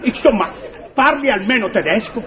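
A man's voice: high voice, expressive, normal speed, crowd noise. A man playing the straight man in a radio comedy sketch, incredulous and correcting his partner's words. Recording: dull lo-fi recording with audience laughter.

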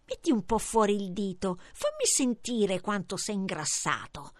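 A woman's voice: medium pitch, sing-song, moderate pace, dry recording, natural voice. Woman doing a coaxing old fairy-tale witch. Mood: scheming. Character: greedy half-blind old witch, female.

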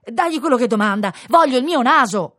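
A woman voicing a panicked middle-aged man in a storybook, shouting shrilly in alarm. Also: fairly high pitch, expressive, fairly quick, dry recording, studio quality, pitched above the performer's own voice. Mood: desperate pleading. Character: panicked middle-aged man who lost his nose.

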